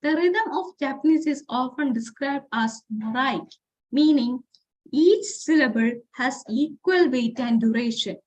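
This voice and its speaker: A woman's voice: sits high, animated, measured pace. A woman giving an informal lecture presentation, explaining step by step with fillers and restarts, and reading example phrases aloud. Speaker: forum speaker.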